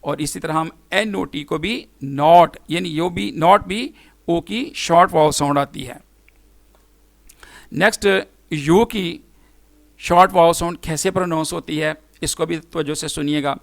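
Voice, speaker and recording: A man teaching an English phonics lesson to students, spelling words out letter by letter and then pronouncing them slowly and formally. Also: fairly high pitch, creaky, no echo. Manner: formal, addresses students directly.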